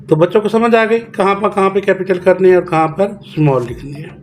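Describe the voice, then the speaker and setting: A man teaching children a homework lesson, slowly dictating and repeating words syllable by syllable. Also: sits high, slight background noise.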